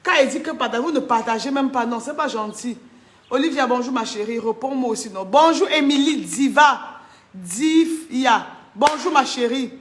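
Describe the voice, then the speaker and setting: A woman's voice: high-pitched, moderate pace. A woman hosting a casual phone live stream, greeting viewers by name and coaxing them to share. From Cameroon. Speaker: live-stream host selling wigs. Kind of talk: casual Facebook live chat.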